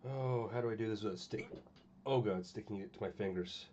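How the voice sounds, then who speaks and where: Low-voiced man chatting while crafting. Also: brisk, darkish tone, dull audio, a little hiss or hum. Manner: rambling, distracted, talking to stream chat. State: has the hiccups. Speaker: channel host. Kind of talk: casual chat while painting miniatures.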